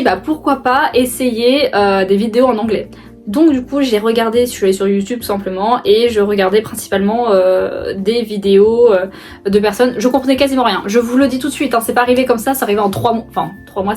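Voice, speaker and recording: Fast-chatting young woman vlogger, high voice. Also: darkish tone. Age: young adult. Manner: chatty, rambling, many fillers and restarts, laughs often. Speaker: book vlogger. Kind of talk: casual vlog chat to camera. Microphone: phone camera.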